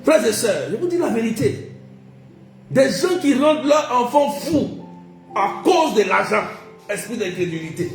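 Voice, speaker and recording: A man with a high voice preaching a sermon, insistent and repetitive, often checking whether his listeners follow him. His words ring in an echoey room with soft music behind. He talks as a pastor to his congregation. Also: very animated, a little slow, creaky. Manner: emphatic, repetitive, asks the congregation questions.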